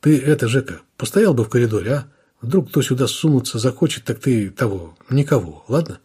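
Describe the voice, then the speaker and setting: A man voicing a gruff, easygoing police detective who grumbles in street slang, in an audiobook. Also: medium pitch, expressive, fairly quick, warm tone. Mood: gruff, offhand. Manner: grumbling, colloquial.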